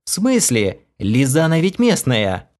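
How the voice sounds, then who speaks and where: A male audiobook reader voicing an excited, cheeky young woman gamer in a shrill, gleeful voice. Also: unhurried.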